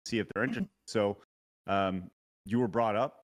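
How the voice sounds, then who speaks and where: A man's voice: fairly low pitch, moderate pace. A man hosting a show, talking in a rambling, hesitant way over a remote call whose audio keeps breaking up and cutting out. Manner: rambling, hesitant, lots of filler and restarts. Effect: choppy, breaking-up call audio that cuts in and out. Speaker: show host interviewing a guest. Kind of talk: casual interview over a call. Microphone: remote call mic.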